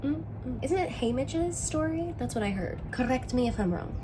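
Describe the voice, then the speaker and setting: A young woman with vocal fry and a sore throat talks in a casual, slangy vlog style, often dropping in "like". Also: sits high, lively intonation, normal speed, background noise. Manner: informal, slangy, frequent "like". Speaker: vlogger, musician and sketch writing student.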